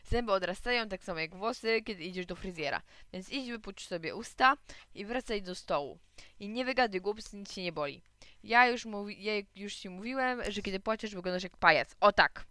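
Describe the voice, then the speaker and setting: A storybook father who lectures his little son with a teasing, joking edge, as a woman reads him. His lines come bright and crisp, close and dry. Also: mid-range voice, a little fast, no room sound, natural voice. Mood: lecturing.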